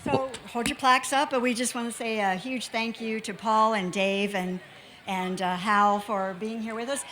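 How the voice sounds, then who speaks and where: Higher-pitched American woman, festival organizer. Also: steady tone, normal speed, sharp tone, slight background noise. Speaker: festival organizer presenting thanks. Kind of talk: informal event announcements.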